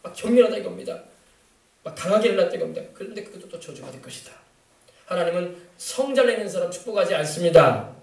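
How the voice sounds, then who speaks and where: A man's voice: high-pitched, lively intonation, fast, creaky, darkish tone. A man preaching a sermon as pastor, emphatic and colloquial, tossing rhetorical questions to the congregation. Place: church sanctuary. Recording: echoey church from far off.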